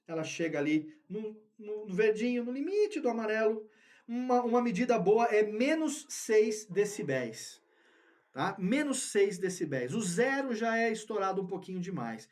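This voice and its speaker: Brief: male podcast instructor, high voice, explanatory, repeats points, studio mic. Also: expressive, normal speed, darkish tone. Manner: explanatory, repeats key words for emphasis. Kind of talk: recorded tutorial lesson. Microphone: studio microphone with headphones.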